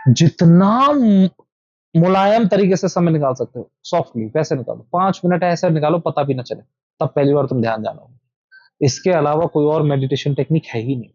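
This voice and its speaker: Man, meditation teacher, somewhat high voice, repetitive instructive talk, dull dry recording. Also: normal speed, a little mellow, no echo. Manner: repetitive, instructive, addresses listeners directly. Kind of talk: informal spiritual talk to a small group. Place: indoor meetup room.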